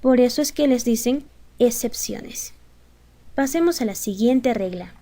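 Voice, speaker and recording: Slow, patient woman teaching a grammar lesson. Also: a little high, animated, warm tone. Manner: patient, slow, addresses pupils with rhetorical questions. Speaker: English teacher.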